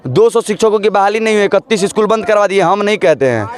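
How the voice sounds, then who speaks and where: A man's voice: high voice, fast. A man in a street debate lecturing others with figures from a report. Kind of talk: street argument.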